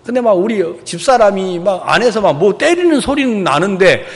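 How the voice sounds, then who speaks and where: Animated pastor preaching in a reverberant hall. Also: male voice, sits high, brisk. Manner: animated storytelling, swinging between loud outbursts and hushed asides. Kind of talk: sermon.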